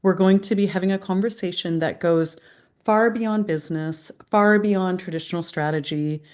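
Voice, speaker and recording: This woman has a lowish, darkish voice, and a new dental retainer slightly impedes her speech. Hosting an interview in an earnest, inspirational manner, she delivers a warm-up introduction and interview questions that are partly scripted.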